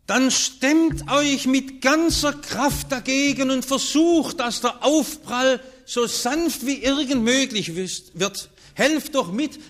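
A man delivers a sermon in a high, unhurried voice. He speaks earnestly and swings between hushed, low passages and loud, rising ones. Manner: earnest, with strong rises and falls in pitch and loudness. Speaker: preacher.

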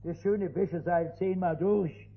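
An older man preaching an evangelistic sermon to a seated congregation, telling stories emphatically and rising to loud, urgent appeals, with a husky voice. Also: high voice, steady tone, measured pace, soft background music. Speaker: pastor. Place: before a seated congregation in a meeting hall. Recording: dull lo-fi sermon recording.

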